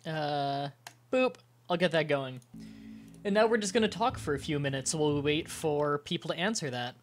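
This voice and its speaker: A man with a fairly high, expressive voice chats casually with viewers on a livestream while music plays. He sounds congested and nasal, wears a strip across his nose, and talks in halting stretches. He is short of breath, stopping to breathe and clear his throat.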